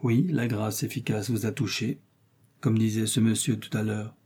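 Man voicing a blunt impatient young musketeer, gruff, husky, dark tone. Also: fairly low pitch, steady tone, normal speed.

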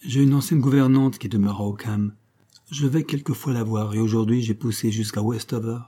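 A man's voice: lowish voice, fairly even intonation, brisk, dark tone, natural voice. A man reading a tense woman visitor who hides her worry, speaking in a hesitant, careful, stiff way in an audiobook. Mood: guarded.

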